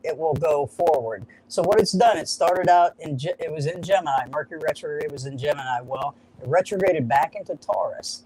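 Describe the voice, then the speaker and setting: A woman guest talks through astrology in casual conversation. She is hesitant, often restarting words as she thinks aloud. Crowd noise is clearly heard behind her. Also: deep voice, a little fast, hardly any pauses, poor audio.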